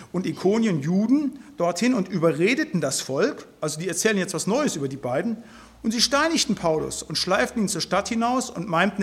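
High-voiced man teaching the Bible. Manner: speaks in a loose spoken style, tags sentences with "halt, nicht?"; earnest, emphatic. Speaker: preacher.

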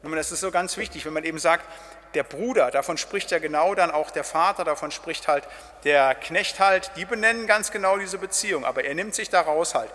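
Middle-aged male pastor, chatty Bible teacher, light-pitched voice, long echo of a church hall. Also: a little fast, fairly bright tone. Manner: casual, with tag questions "ne?" and "halt". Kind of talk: spoken Bible study talk.

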